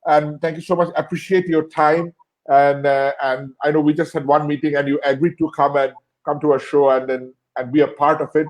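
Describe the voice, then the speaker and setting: A man from Bangladesh hosts an interview and wraps it up, talking in halting stretches that are full of fillers and repeated words. His voice sits a little higher than most men's. He keeps thanking his guest over and over. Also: level tone. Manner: warm thanks with many fillers and restarts. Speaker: host. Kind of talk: closing an online interview show.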